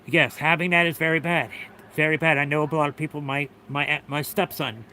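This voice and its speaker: A middle-aged man speaks earnestly to his stream with a bright, slightly high voice. He repeats himself and swears freely, sounding close to tears, with faint noise in the background. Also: fairly even intonation, brisk. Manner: earnest, repetitive, swears often. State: tearful. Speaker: livestreamer. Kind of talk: emotional livestream talk.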